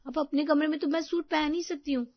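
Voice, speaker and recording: In a storybook tale, a woman voices a put-upon young daughter-in-law who grumbles in exasperation. Her fairly high voice moves quickly with fairly even intonation, and the recording is close, dry, and a little dull.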